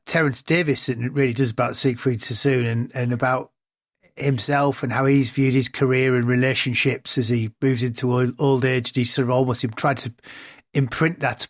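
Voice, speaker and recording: Measured man, dry close recording. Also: medium pitch, no room sound. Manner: measured, hesitant asides. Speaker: podcast discussant. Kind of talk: casual film discussion.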